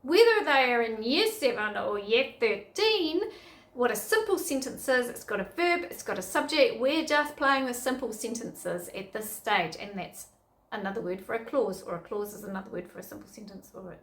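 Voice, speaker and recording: A woman's voice: fairly high pitch, animated, normal speed, reverberant. A middle-aged woman, giving upbeat, chatty teaching tips to other teachers. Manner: chatty, upbeat, self-correcting.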